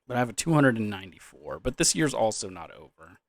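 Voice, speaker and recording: A man's voice: lowish voice, sing-song, fast, dry recording. A young man in a loose, drunken, rambling casual chat about gaming, trailing off, repeating words and swearing casually. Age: young adult. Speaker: gaming vlogger.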